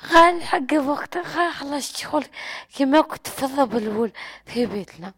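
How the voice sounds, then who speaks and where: A woman's voice: high voice, animated, brisk, a bit bright, a little hiss or hum. A woman with an Algerian accent answering an interviewer in short, hesitant replies. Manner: hesitant, short replies, often asks to repeat. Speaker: interviewee, hospital patient.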